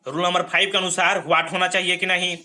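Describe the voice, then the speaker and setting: A man with a high, very bright and piercing voice runs an exam-prep grammar lesson. He drills each rule and checks in with his students after almost every point. His delivery is explanatory and repetitive. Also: little pitch movement, fairly quick. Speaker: English grammar teacher. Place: recorded lesson video.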